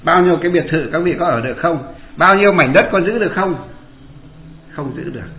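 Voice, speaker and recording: A man's voice: on the high side, a little fast. A man, a Buddhist monk giving a dharma talk and asking his listeners rhetorical questions. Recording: echoey room over a tinny line.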